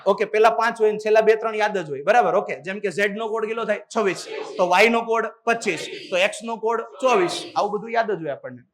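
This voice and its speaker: A male teacher giving a lively classroom lecture, drilling the class with call-and-response questions and often calling out to the students. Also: sits high, fast.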